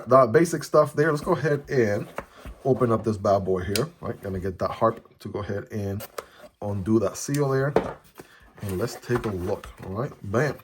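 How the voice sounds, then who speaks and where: Recorded on a phone camera with a little hiss or hum, a product reviewer with a voice on the low side chats his way through an unboxing. His first language is Chinese, and he often finishes sentences with "right?".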